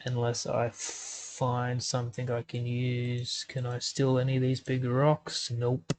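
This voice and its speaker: A man's voice: mid-range voice, a little mellow, no room sound. A man giving casual commentary while editing a game map, thinking aloud with lots of ums. He has the hiccups. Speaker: gaming YouTuber.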